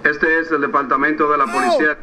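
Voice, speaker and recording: A man making a brisk, formal police announcement over a loudspeaker. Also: on the high side, flat delivery. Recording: loudspeaker with crowd noise behind.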